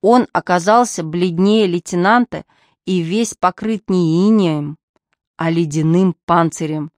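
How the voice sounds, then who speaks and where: A woman narrating a humorous audiobook with lively, wry storytelling. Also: on the low side, measured pace, dry recording, clean studio sound.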